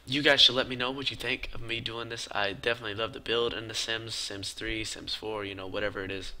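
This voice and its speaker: A tired man keeps his voice hushed and easygoing, narrating his game build late at night. His voice sits fairly low but comes across very bright and sharp-edged. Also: rough recording. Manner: talks quietly and low-key because it is late. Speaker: gaming video creator. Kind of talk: casual gameplay voice-over.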